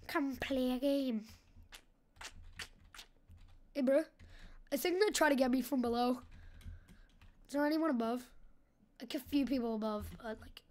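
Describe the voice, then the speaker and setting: A young woman giving casual gameplay commentary as a channel host, hyper and goofy, joking and bursting into loud yells and silly chants. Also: high voice, vocal fry.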